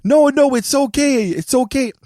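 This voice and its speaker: A woman's voice: high-pitched, unhurried, dark tone, no room sound, clean studio sound, pitched above the performer's own voice. A man voicing a flustered older woman at a store checkout, hesitant and stammering, within a casual anecdote. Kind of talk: quoted impression in a casual anecdote.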